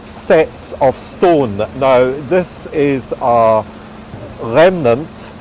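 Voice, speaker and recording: A man with a Scottish accent gives an informal, halting live walking-tour commentary as a guide outdoors. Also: mid-range voice, lively intonation, a little mellow, poor audio. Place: outdoors on a rainy city street. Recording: outdoor street noise, passing traffic.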